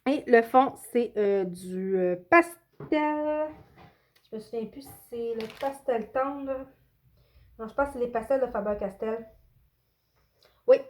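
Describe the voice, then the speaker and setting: A woman casually showing her finished coloring pages, hesitating often and correcting herself. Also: a little high. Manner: hesitant, many filler sounds and self-corrections. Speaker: coloring channel host.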